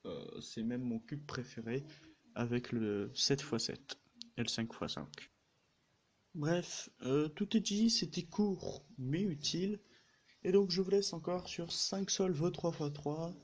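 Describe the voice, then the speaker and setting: A man from France introducing his speedcubing channel in a casual talk, hesitating often and correcting himself. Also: medium pitch. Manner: hesitant, with frequent fillers and self-corrections. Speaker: speedcubing YouTuber.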